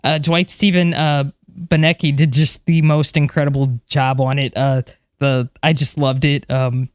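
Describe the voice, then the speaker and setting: Chatty woman with a smooth voice. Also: rumbling low, normal speed, dry recording, studio quality. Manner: chatty, animated, many fillers and restarts. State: moved, a little emotional. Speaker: podcast co-host, space history enthusiast. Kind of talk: casual chat.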